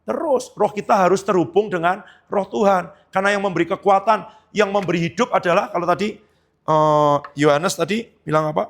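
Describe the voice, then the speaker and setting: A man's voice: sits high, fairly quick, vocal fry. A man pastor preaching a sermon in a conversational way, often asking the congregation questions.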